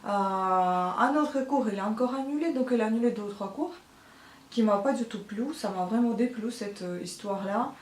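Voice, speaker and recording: A woman's voice: fairly high pitch, moderate pace, distant mic. A woman vlogger talking in a casual, hesitant monologue, full of filler sounds and frustrated complaints. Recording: roomy sound, voice from the mic.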